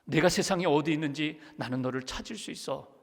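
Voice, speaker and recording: A man voicing a soft, hushed blind mother. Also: a little high, lively intonation, normal speed. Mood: tender. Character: tender blind mother pleading with her grown daughter. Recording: long church reverb.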